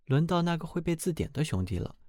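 A man reading a fairy tale aloud as narrator, expressive and animated. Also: on the high side, fast, no room sound, studio quality.

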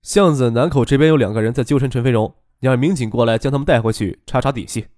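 A man's voice: mid-range voice, quick pace, darkish tone, no room sound, studio quality, natural voice. A man voicing a confident, offhand young man in an audiobook. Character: young man, cool and self-assured. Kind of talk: audiobook character voice.

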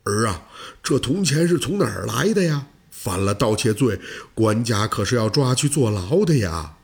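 A man doing a fretful, quick-tempered old shepherd. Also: mid-range voice, big pitch swings, vocal fry. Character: anxious aging shepherd father, quick-tempered.

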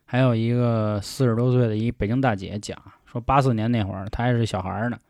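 A man's voice: mid-range voice, steady tone, fast talker, darkish tone, no room sound, studio quality. A man telling a ghost story in a casual, chatty way, often turning to listeners with folksy asides.

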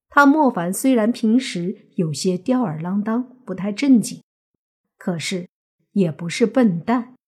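A woman narrating a web novel audiobook in an even storytelling manner. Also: medium pitch, breathy edge.

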